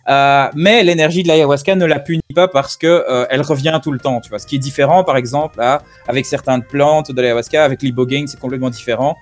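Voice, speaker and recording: A man talks loosely over a computer call, his voice sitting at an ordinary middle pitch. He rambles and circles back with constant fillers. Faint music plays underneath. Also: fairly even intonation, fast talker, hardly any pauses. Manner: rambling, lots of fillers and "tu vois". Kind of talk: casual group discussion over a call.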